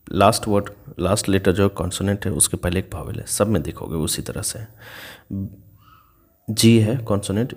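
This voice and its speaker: A man's voice: fairly low pitch, a little mellow. A man teaching English grammar, patiently explaining each rule step by step and spelling words out letter by letter. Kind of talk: explaining grammar rules in Hindi.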